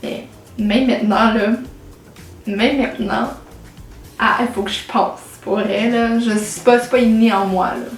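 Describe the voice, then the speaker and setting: A late-teen woman vlogger with a Québécois French accent chats casually to the camera in a slightly high, fairly even voice, unhurried. She uses lots of fillers and English words, and the room sounds echoey with faint music.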